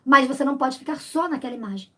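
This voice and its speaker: A woman in her fifties from Brazil, a literacy teacher explaining lessons and sounding out syllables slowly and emphatically. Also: high-pitched, expressive, bright, forceful tone, husky. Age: 50s.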